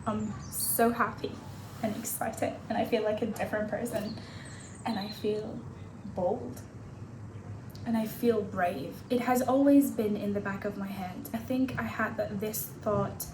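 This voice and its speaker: A woman in her twenties chats openly to camera in a casual vlog, laughing at herself as she goes. Her voice bounces around an echoey room. There is clear noise in the background. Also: mid-range voice, fairly even intonation, measured pace. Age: 20s. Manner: chatty and candid, laughing at herself. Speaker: vlogger. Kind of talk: casual talking-head vlog.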